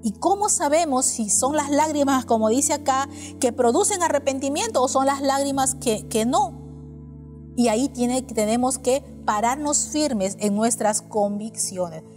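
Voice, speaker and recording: Woman preacher, high voice, earnest and questioning; church hall reverb under her. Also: a little slow, a little mellow, faint music behind. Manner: earnest, rhetorical questions to the congregation. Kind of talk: sermon.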